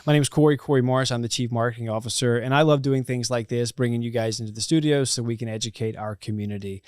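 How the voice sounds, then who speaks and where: An upbeat man hosts a casual talk show from a company studio, chatty and easygoing. His voice is smooth and resonant at a middle pitch. The sound is dry and close, with little room around it. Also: steady tone, quick pace, no room sound. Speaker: host, chief marketing officer.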